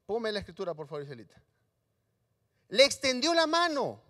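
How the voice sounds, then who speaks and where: A man's voice: sits high, huge pitch swings, normal speed, a bit bright. A man preaching a sermon in a church hall, acting out voices of Bible figures for the congregation. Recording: live stream in a reverberant hall.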